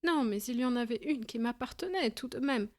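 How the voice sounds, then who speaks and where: A pale little man in a storybook reading speaks high and tremulous, whining with nerves. A woman narrator acts him out, lifting her voice well above her own. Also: a little fast, a little mellow. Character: small, pale, anxious man, nervous and whining.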